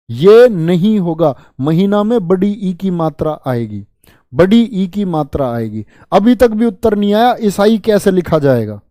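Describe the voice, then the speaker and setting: Hindi teacher guy, north indian accent, high mellow voice, dry close mic, keeps repeating words and quizzing the class. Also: dry recording. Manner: drills spellings, repeats words and quizzes students; chummy, calls students bhaiya and bachcha. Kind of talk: online exam-prep lesson.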